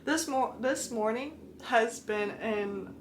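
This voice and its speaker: A woman's voice: a little high, takes it slowly, roomy sound, slight background noise. A young woman talking casually to camera about a book, rambling and close to tears over how emotional it is. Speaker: book vlogger.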